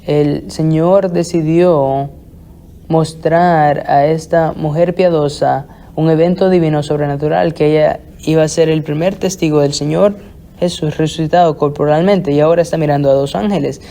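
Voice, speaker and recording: A man preaches an expository sermon, working through the passage in a deliberate, halting way and often restarting his phrases. His voice sits fairly high for a man, with a gravelly edge and a dark, mellow tone. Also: steady tone. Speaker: pastor.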